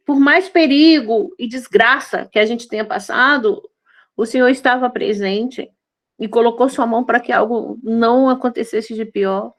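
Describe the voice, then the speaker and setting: A woman's voice: on the high side, moderate pace. A woman in her fifties giving a devotional sermon, tender and intimate, pleading with her listeners. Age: 50s. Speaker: devotional preacher.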